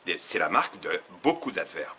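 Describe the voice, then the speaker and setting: A man teaching, who reads out quiz questions to learners and slowly repeats each set of answer choices. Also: sits low, sing-song, pushed and bright, a little hiss or hum. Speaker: Arabic teacher.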